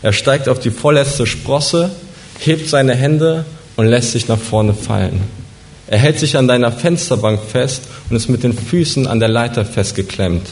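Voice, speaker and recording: A man telling a vivid, suspenseful story in the second person, slowing down at dramatic moments. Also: medium pitch.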